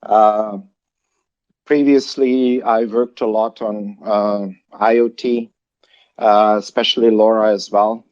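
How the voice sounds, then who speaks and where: A man's voice: lowish voice, flat delivery, a little mellow, highs cut off. A man from Hungary who founded a project, talking casually on a livestream with lots of fillers and restarts. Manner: halting, many fillers and restarts.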